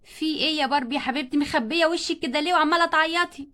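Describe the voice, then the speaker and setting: A woman doing a loud, scolding schoolteacher. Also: high-pitched, very fast. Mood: stern, caring. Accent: Egyptian Arabic. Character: strict, shouting female schoolteacher.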